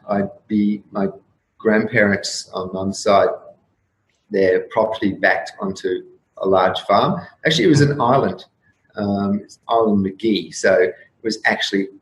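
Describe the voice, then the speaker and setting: A man in his fifties, a guest on an interview show, musing in a rambling, reflective way with frequent restarts and soft laughs. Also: fairly low pitch. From Australia. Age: 50s. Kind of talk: casual interview talk. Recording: roomy echo with faint room noise.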